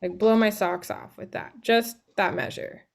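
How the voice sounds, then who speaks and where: A woman's voice: medium pitch, fairly even intonation, measured pace, vocal fry. A woman teaching a string student in a studio class, chatty and encouraging, singing out passages and using lots of fillers. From Canada. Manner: encouraging, chatty, many fillers and sung examples. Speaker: music teacher.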